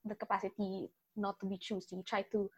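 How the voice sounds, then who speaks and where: A chatty young Filipino woman gives big-sister advice in a relaxed interview, her voice at a middling pitch. She talks freely and often lets her sentences drop away softly. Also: brisk, husky, lo-fi sound. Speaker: interview guest, older sister. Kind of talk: casual interview mixing English and Tagalog.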